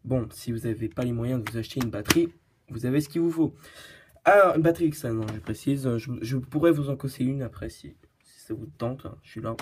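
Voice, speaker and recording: A tech review channel host with a fast, darkish, slightly rough medium-pitched voice gives a casual product review. He's hesitant, full of fillers and restarts, and giggles as he pokes fun at himself.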